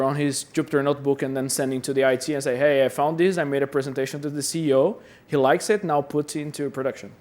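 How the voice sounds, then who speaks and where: This Brazilian conference speaker has a mid-range, slightly mellow voice. Addressing a conference hall, he's chatty and self-deprecating and frequently repeats words mid-flow.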